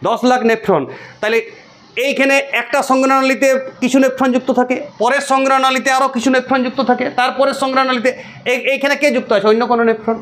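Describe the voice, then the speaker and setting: High-voiced man teaching biology. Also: fairly even intonation, fast, fairly bright tone. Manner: asks listeners frequent check questions; repeats key terms for drilling. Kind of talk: explaining a lesson while drawing.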